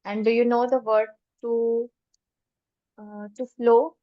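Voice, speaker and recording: Leading a small online class in German, this teacher moves easily between German and English and patiently explains one step at a time. Her voice is a little high, dry, and close-miked, with a level tone and slow pace. The recording is muffled and has no room sound.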